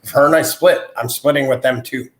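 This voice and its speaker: A man's voice: mid-range voice, brisk. A man who is a podcast guest, telling personal stories earnestly. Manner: earnest storyteller, animated when recounting. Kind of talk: casual conversation. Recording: roomy echo.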